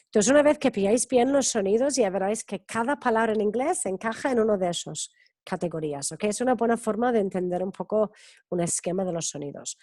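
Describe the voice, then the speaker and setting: A woman teaching an English class over a video call. She drills each word slowly, stretches the sounds and keeps checking with "ok?". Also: medium pitch, mellow, no echo, clean studio sound. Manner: slow, drawn-out pronunciation drills with frequent "ok?" checks. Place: community centre in Barcelona.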